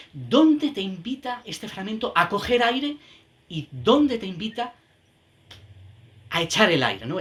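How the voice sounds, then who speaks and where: A man's voice: a little high, fairly bright tone. A man teaching music educators in an online session, thinking aloud with many tag questions and repeated words, and chanting rhythm syllables to show the beat. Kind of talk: online teacher-training talk. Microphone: video call.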